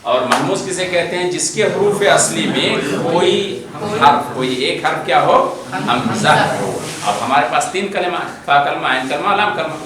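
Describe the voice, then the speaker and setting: A man's voice: fairly high pitch, animated. A man teaching a grammar class to students with an Indian Urdu accent. He asks questions and answers them himself, repeating terms over and over. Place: large classroom hall with students. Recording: very echoey hall, distant mic, crowd noise.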